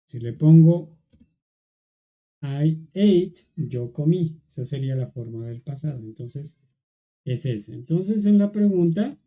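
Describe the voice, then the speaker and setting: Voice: medium pitch, lively intonation, a little slow, warm tone. A teacher explaining grammar in an online class, going patiently step by step and checking in often with the students. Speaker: English teacher.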